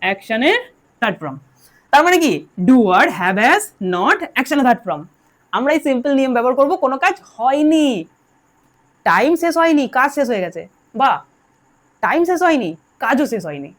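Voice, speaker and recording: Lively high-voiced woman teaching grammar. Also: fairly quick, pauses often. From Bengal. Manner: drills students, asks them to answer aloud. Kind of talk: classroom lesson.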